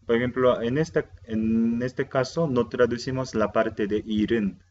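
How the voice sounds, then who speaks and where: A man's voice: medium pitch, fairly even intonation, moderate pace, darkish tone, highs cut off, slight background noise. A man whose first language is Korean, teaching a language lesson with a patient, repetitive delivery that keeps checking his students follow. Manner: repeats key words and checks understanding with "¿sí?".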